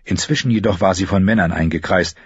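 A man narrating an audiobook in an expressive, lively storytelling manner. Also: low-pitched, fast, slightly rough, dry recording, lo-fi sound. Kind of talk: scripted narration.

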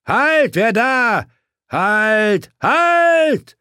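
A man's voice: high voice, lively intonation, moderate pace, no echo, studio quality, pitched above the performer's own voice. A man voicing a sneering, crude and arrogant male knight in an audiobook, taunting and contemptuous. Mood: shouting.

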